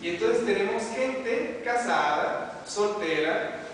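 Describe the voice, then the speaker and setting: A man's voice: high voice, expressive, takes it slowly, a bit bright. A man teaching a class, telling stories and asking his listeners questions. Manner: storytelling, asks the audience questions. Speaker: religious teacher. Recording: echoey hall, mic far off, hiss.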